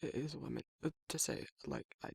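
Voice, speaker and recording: In a romantic ASMR roleplay, a man voices a shy, tender, protective young werewolf in love, talking haltingly, awkwardly and with soft reassurance in a gravelly, husky tone. His voice is on the high side and steady, fully in character, recorded studio-clean with no echo. The exchange feels intimate and conversational, with a shy, hesitant mood.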